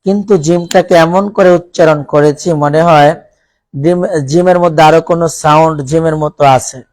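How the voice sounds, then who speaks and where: A man teaching Quran recitation in a college classroom with a Bangladeshi accent, reciting Arabic examples slowly and quizzing his students. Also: on the high side, steady tone, a little mellow, no echo, low-quality recording. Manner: slow, drawn-out recitation of Arabic words as examples; asks the class questions and has them repeat.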